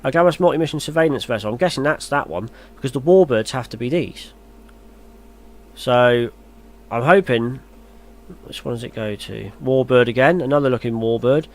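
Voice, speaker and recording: A YouTuber reads gaming news aloud at normal speed in a mid-range male voice, then muses in a hesitant, chatty way when commenting. It's a voice-over on a screen recording.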